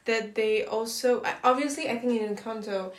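A woman chatting about films in a relaxed group talk, pausing to correct herself as she goes. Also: a little high. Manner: thoughtful, self-correcting. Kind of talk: casual film discussion. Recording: roomy echo.

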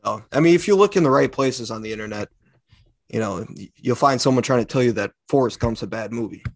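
A man's voice: medium pitch, animated, quick pace, vocal fry, no echo. Dry-humored man on a podcast. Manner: dry, joking, laid-back. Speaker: podcast co-host. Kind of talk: casual podcast chat.

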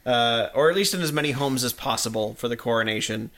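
A man co-hosting a podcast, chatting casually about a TV episode, halting and giggly. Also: medium pitch, fairly bright tone. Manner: giggly, halting, often acting out silly voices. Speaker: podcast co-host.

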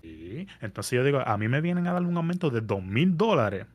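Animated man telling stories. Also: mid-range voice, a little fast, husky, muffled recording. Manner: animated storytelling, mixes English words into Spanish. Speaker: podcast guest. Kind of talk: casual podcast chat. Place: New York area.

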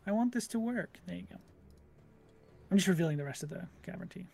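A woman running a tabletop game as game master, narrating with a playful, animated manner. Her voice sits a little low and swings widely in pitch. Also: fast talker, vocal fry, music in the background.

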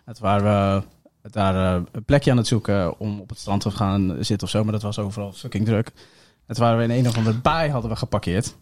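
A man's voice: fairly low pitch, steady tone, a little fast, hardly any pauses, a little mellow. Rambling young man telling anecdotes. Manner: rambling anecdotes with frequent swearing and filler. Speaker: podcast co-host. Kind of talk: casual chat among friends.

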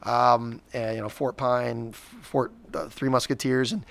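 A man's voice: medium pitch, steady tone, a little slow, vocal fry, fairly bright tone. Rambling man co-hosting a school podcast. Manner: rambling with frequent restarts. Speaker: school district podcast co-host. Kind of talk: casual chat.

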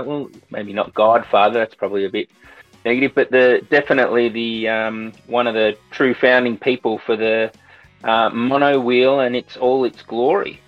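A man's voice: medium pitch, dry recording, dull audio. A middle-aged man hosting a casual podcast chat in an informal way. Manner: informal, says mate. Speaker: podcast host.

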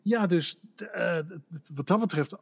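Husky-voiced Dutch man, chatty. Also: sits high, measured pace. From Netherlands. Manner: chatty, self-deprecating storyteller. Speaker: voice actor guest. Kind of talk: casual podcast chat.

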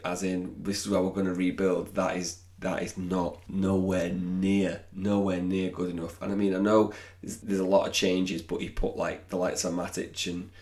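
A man's voice: sits low, a little mellow. A man co-hosting a podcast in casual football chat, hesitant, often repeating himself and trailing off. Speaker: podcast co-host.

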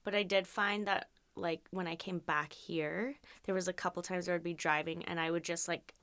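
A woman's voice: on the low side, moderate pace, clear, resonant tone, dry recording. A young woman co-hosting a podcast, joking playfully in casual chat. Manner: playful, joking, lively delivery. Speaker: podcast co-host.

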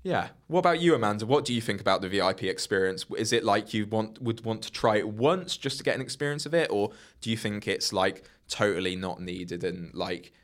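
A man's voice: lowish voice, brisk, hardly any pauses. A young man hosting a casual podcast chat, talking loosely with lots of fillers. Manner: chatty, heavy use of "like" and "you know". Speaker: podcast host. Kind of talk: casual discussion.

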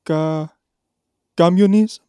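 A man doing a bumbling, halting eater. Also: a little high, mellow, clear, resonant tone. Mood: confused. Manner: halting, stumbling over words. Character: bumbling male competitive eater, dim and hesitant.

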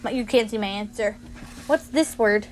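A woman's voice: a little high, moderate pace, darkish tone, a little hiss or hum. A young woman co-hosting a casual podcast, a bit tipsy, laughing and stumbling as she reads aloud. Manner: laughs a lot, stumbles reading aloud, swears. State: feeling tipsy and queasy. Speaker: podcast co-host. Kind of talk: casual chat.

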